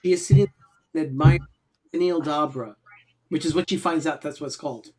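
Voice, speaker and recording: A man's voice: a little high, brisk, darkish tone. A man co-hosting a casual watch party, earnestly walking friends through the plot. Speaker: co-host.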